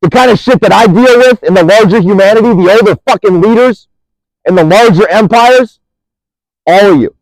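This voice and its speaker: A man's voice: sits high, normal speed, dry recording, rough recording. A man delivering an angry, profane monologue, accusing and rambling, restarting sentences as he goes.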